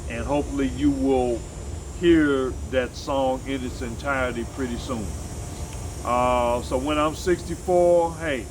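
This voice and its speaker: Background noise sits behind this American vlogger and musician in his sixties, whose mid-range voice moves a little slowly. His casual solo vlog monologue is about his own life, rambling, self-correcting and full of blunt, emphatic asides.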